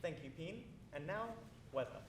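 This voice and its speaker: A woman voicing a pompous male news anchor in a deep put-on voice, for a comedy sketch. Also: animated, normal speed. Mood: deadpan. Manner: deep put-on voice, mock-proud. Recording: roomy, distant, noisy.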